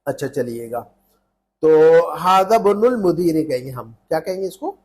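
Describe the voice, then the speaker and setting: A man's voice: on the high side, sing-song, moderate pace. A man teaching an Arabic lesson in Urdu, repeating phrases and checking that students follow.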